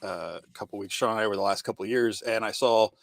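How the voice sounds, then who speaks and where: A man's voice: lowish voice, fast, creaky, dry recording. Chatty man hosting, dry sound. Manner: chatty, rambling introductions. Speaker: podcast host. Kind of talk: casual video-call podcast chat.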